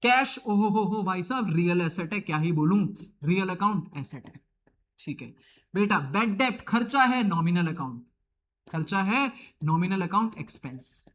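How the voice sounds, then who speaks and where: High-voiced chatty Indian teacher. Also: male voice, expressive, normal speed, a bit bright. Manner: chatty, teasing, calls students beta and babu. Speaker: accounting teacher. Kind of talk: online lecture.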